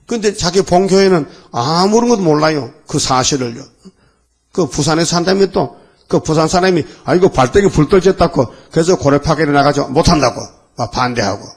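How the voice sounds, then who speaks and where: A man's voice: a little high, lively intonation, brisk. Male pastor, dawn sermon, rambling and fiery, rhetorical questions.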